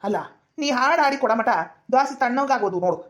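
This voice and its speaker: A woman's voice: sits high, quick pace, lightly acted. A woman with a North Karnataka accent playing a teasing, scolding village husband in a comedy sketch. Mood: coaxing. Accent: North Karnataka Kannada. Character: village husband, middle-aged, grumbling.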